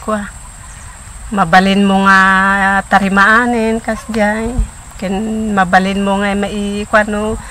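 A woman's voice: mid-range voice, level tone, slow pace, long pauses, fairly bright tone, slight background noise. A middle-aged woman farmer from the Philippines, talking plainly in an outdoor documentary interview about her crops. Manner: plain, listing crops steadily. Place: outdoors by a rural pond.

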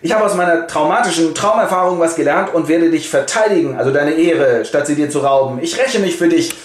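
Guy doing a loud brash young prince, hot-headed, highish voice, roomy sound. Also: fairly quick, lightly acted. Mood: boastful. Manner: choleric, blurting, slangy. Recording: roomy with faint hiss.

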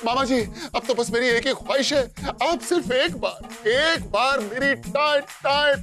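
An actor playing a flustered, excitable professor son-in-law who pleads and explains in a TV comedy drama, with music underneath. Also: male voice, extremely high pitch, unhurried. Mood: pleading. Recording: background music under dialogue.

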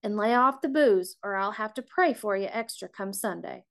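A woman's voice: medium pitch, moderate pace, fairly bright tone, natural voice. A woman voicing an older churchgoing grandmother who scolds in a folksy way. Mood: scolding. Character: older southern granny, stern and churchgoing.

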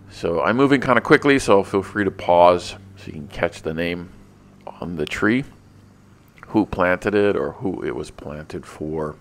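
Deep-voiced man narrating a walking tour. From not from the local area. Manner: relaxed, chatty guide with small restarts.

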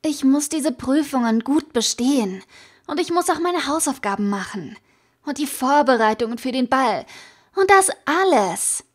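A stressed, overworked teenage girl from a fan-made audiobook, read by a woman. Her voice is raised and high, and she sounds wound up. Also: animated, normal speed.

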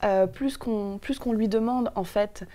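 A young French woman, a guest in a TV studio interview, speaks on a lapel mic in an unhurried, dark, mid-range voice. She's thoughtful, with many hesitations and restarts.

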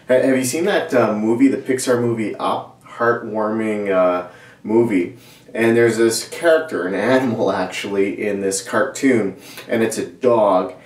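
A man in his forties, a pastor giving a conversational sermon to camera in a small indoor studio set, with many restarts and animated gestures. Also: on the low side. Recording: roomy echo, mic at a distance.

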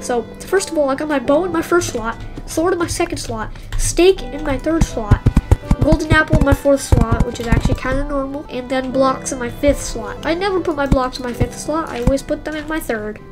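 A young woman with a high voice talks fast and jokes her way through a video game match. She keeps up running commentary and teases her teammate. Loud game music plays under her voice. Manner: chatty, joking, quick asides. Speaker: gaming YouTuber. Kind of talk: casual gameplay commentary.

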